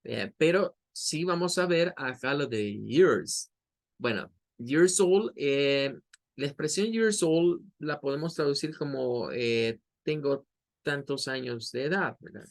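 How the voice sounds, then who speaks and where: A man's voice: a little high, vocal fry. Patient Latin American Spanish-speaking man teaching. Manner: patient explaining, repeats words slowly for practice. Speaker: English teacher. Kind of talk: recorded online lesson.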